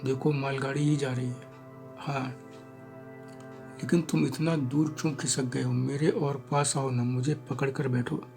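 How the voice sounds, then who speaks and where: A man reading an audio story, voicing a nervous young woman who pleads in hushed tones. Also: mid-range voice, steady tone, unhurried, gravelly, soft background music. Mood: anxious. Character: anxious young woman eloping at night.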